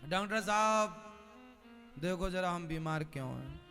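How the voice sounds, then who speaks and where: A man's voice: high voice, animated, measured pace, sharp tone, long reverb tail, faint music behind, pitched below the performer's own voice, full character voice. A preacher voicing a frightened drunkard man. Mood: fearful. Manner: anxious, pleading.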